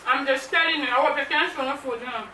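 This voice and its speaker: High bright Jamaican woman hosting a food vlog, chatty, mixes in patois, echoey room, far mic. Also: fast, slight background noise. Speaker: mukbang vlog host. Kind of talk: casual chat to camera.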